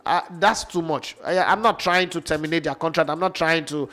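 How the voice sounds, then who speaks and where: A man's voice: fairly high pitch, steady tone, fairly quick, pushed and bright. Blunt man talking football. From Nigeria. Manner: blunt, emphatic. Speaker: football pundit. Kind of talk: opinionated sports talk.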